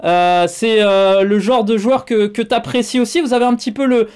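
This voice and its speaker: A man's voice: high voice, fairly even intonation, moderate pace, darkish tone, smooth. A man hosting a sports show, chatting casually with many filler sounds and asking his guest questions. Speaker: show host.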